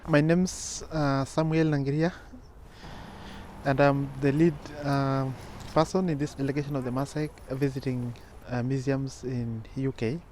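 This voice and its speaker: A man's voice: mid-range voice, fairly even intonation, a little slow, darkish tone, a little hiss or hum. Delegation leader guy, kinda hesitant, lots of uhs. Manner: hesitant, with fillers. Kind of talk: documentary interview.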